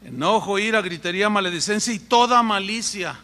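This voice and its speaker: A man preaching a sermon as pastor, animated and acting out voices in his stories. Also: high voice, fairly quick. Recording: echoey hall with long reverb.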